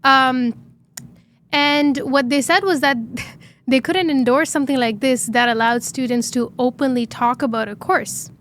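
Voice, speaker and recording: A woman in her twenties from Dubai, a startup founder telling her story in an interview, earnest and animated with frequent fillers. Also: high-pitched, a little slow, slight background noise. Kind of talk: interview conversation.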